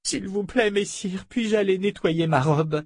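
A man voicing a terrified, sobbing noblewoman who pleads in a high, trembling voice, in an audiobook. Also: unhurried, dry recording, clean studio sound. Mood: pleading. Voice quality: tearful, trembling, high falsetto. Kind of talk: audiobook character voice.

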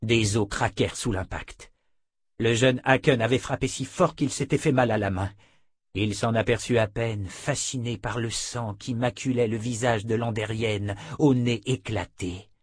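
A man reading a novel aloud in a steady, measured narration. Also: medium pitch, breathy edge, no echo, clean studio sound. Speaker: audiobook narrator. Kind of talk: scripted narration.

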